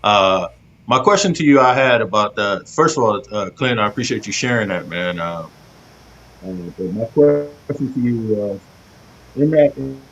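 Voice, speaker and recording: A man on a group video call talking through a phone, his voice muffled as if coming through a wall. He speaks haltingly, with many pauses and restarts. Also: fairly low pitch, expressive, a bit bright. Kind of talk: casual group discussion. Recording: muffled, dull phone audio with faint noise.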